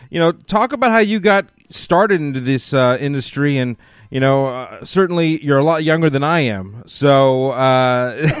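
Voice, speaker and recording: A man's voice: on the high side, clear, resonant tone, no room sound. Rambling male radio host, dry studio sound. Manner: rambling, full of fillers. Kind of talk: radio interview.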